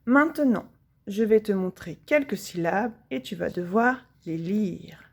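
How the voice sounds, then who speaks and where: A woman teacher with a French accent giving a phonics lesson to young children, drawing out each sound slowly and deliberately. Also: mid-range voice, animated, gravelly, a little mellow. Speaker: primary school teacher.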